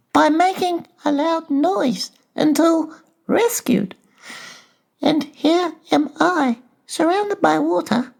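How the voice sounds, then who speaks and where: A man voicing a small, timid, anxious piglet in a children's storybook, fretful and forlorn, with a halting delivery. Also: extremely high pitch, gravelly, pitched above the performer's own voice, full character voice. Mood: anxious, helpless. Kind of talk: dramatized children's audiobook character voice.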